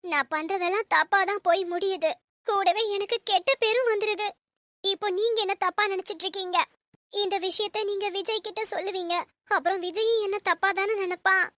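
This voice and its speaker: A woman's voice: extremely high pitch, fairly even intonation, a little fast, fairly bright tone, dry recording. A woman playing a worried, scheming middle-aged mother in a family drama skit, speaking in a plaintive, pleading way. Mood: tearful.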